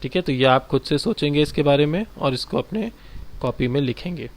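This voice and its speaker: A man teaching a primary-school lesson, walking children through textbook exercises and explaining each one slowly and directly. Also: a little high, lively intonation.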